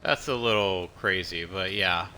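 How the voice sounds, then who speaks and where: Bright-voiced rambling male streamer. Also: deep voice, unhurried, slight background noise. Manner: rambling, self-interrupting, chatty. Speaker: game streamer. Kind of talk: casual gameplay commentary.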